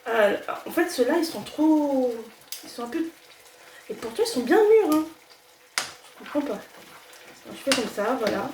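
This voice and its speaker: In her home kitchen, a young cooking vlogger with a slight cold talks casually, hesitating often with fillers and restarts. Her high-pitched voice is very animated yet a little slow, with long pauses. The echoey room puts her voice far from the mic, and background noise mixes with a sizzling pan and stirring.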